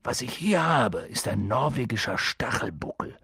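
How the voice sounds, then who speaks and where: A man voicing a big, gruff and kindly half-giant groundskeeper in an audiobook, rambling and hesitant with ums. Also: mid-range voice, very animated, moderate pace, pushed and bright, no echo, clean studio sound, heavily acted. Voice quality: gravelly, husky. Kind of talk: audiobook character voice.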